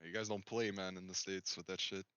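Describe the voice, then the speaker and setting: Low, bright-edged laid-back stream host. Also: male voice, steady tone, brisk, clear, resonant tone, no room sound, muffled recording. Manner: laid-back, laughs often, filler-heavy "like" and "man". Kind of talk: casual chat on a live stream.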